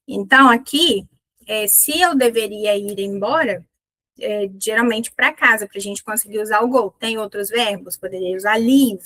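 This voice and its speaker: A woman with a Brazilian Portuguese accent teaching an English lesson, lively, slowly drilling English example phrases with stress. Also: on the high side, dry recording, poor audio.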